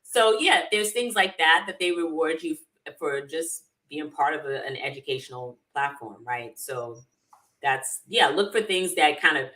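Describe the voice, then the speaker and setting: A woman talks as an interview guest in a low, bright voice. She is animated, laughs easily and slips into Jamaican phrasing now and then. She sits a little away from the microphone. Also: measured pace, distant mic, poor audio. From Jamaica, raised in New York. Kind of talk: casual interview chat.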